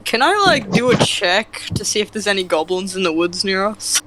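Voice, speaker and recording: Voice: mid-range voice, moderate pace, crowd noise. A player in a tabletop game, chatting casually and playfully with frequent giggles.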